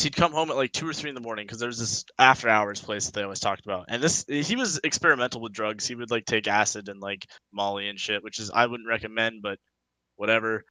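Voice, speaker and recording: A young man in his twenties, a podcast co-host, telling a story in casual chat, animated and swearing as he acts out quotes. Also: medium pitch, dry recording, low-quality recording.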